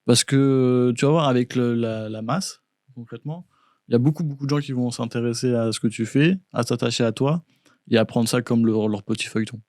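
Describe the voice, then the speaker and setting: A podcast co-host speaks in a medium-pitched, darkish, slightly fast male voice, recorded dry and close on a studio podcast mic. His casual chat is upbeat and encouraging, full of tag words.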